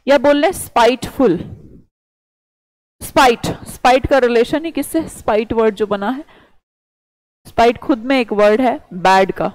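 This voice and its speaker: Woman teacher, higher voice, dry close-mic lecture, keeps asking questions and answering them. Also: a little slow, pauses often, darkish tone, no echo, low-quality recording. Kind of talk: vocabulary lecture.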